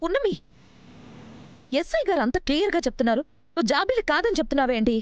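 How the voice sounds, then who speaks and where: A woman's voice: high-pitched, big pitch swings, fast, lo-fi sound, slight background noise. An actress playing a stern, practical woman of a wealthy family, speaking firmly in a TV serial. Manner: firm, reasoning, dismissive. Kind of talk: TV serial acting.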